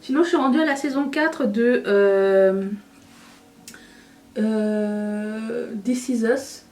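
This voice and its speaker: A woman's voice: on the high side, takes it slowly, darkish tone, recorded from a distance. A woman chatting casually while doing her makeup, rambling and self-mocking. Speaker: beauty youtuber. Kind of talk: casual get-ready-with-me chat.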